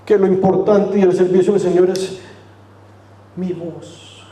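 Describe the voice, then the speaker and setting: A man preaching a sermon in a church, speaking earnestly to the congregation and dropping to a hush for quoted lines. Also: sits high, flat delivery, brisk. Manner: earnest, addressing the congregation directly; dramatic drops to a hushed voice for quotes. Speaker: pastor. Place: church sanctuary. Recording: echoey church room.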